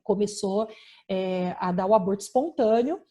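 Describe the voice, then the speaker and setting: A woman's voice: mid-range voice, expressive, moderate pace, mellow. A woman pastor with a Brazilian Portuguese accent, preaching and giving a personal testimony over a video call, emphatic, with frequent tag questions.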